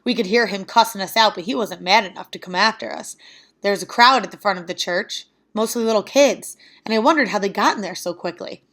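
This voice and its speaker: A woman reading a novel aloud in an even, plain narration. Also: mid-range voice, brisk. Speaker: reader.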